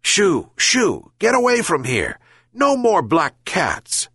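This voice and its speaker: A man reading aloud puts on a poor old fisherman whose voice climbs high and strained above his own, swinging widely in pitch. Weary and gentle at heart, he sounds a little husky in a dry storybook reading. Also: very animated, unhurried, no echo, full character voice. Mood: angry.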